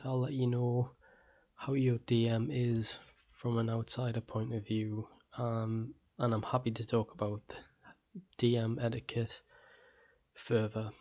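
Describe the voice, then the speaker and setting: A man teaching an online course, talking directly and practically in a relaxed way, his throat a little hoarse. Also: medium pitch, highs cut off. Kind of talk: casual recorded lesson.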